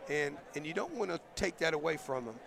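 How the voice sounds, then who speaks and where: Brief: hoarse, gravelly-voiced coach, mid-high pitch, halting postgame chat, crowd noise in the gym. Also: male voice, expressive, fairly bright tone. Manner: thoughtful, halting, many fillers and restarts. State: losing his voice. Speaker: basketball coach. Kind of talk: postgame interview.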